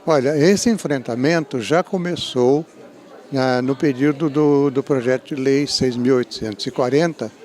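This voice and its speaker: Speaking in a medium-pitched, darkish voice, this middle-aged man with a Brazilian Portuguese accent is an education professor being interviewed. He offers spoken analysis in measured academic language, often restarting and tagging phrases with "né?".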